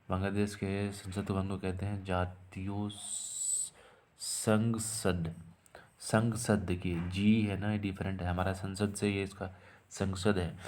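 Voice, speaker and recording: A man's voice: sits low, a little mellow, slight background noise. A man teaching an exam-prep lesson, asking questions and answering them himself, repeating key terms to drill them in.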